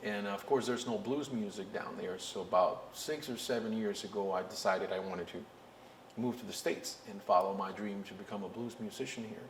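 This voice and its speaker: A young Costa Rican man who fronts a blues band speaks earnestly and reflectively in a documentary interview. His voice runs on the low side, and the recording carries a roomy echo, faint music and a little hiss or hum.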